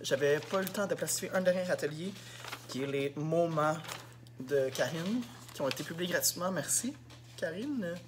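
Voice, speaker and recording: A man's voice: a little high, expressive, moderate pace, background noise. Chatty Québécois man vlogging his teaching day. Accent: Québécois French. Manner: candid, rambling, heavy on fillers. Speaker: elementary school teacher. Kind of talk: casual vlog diary.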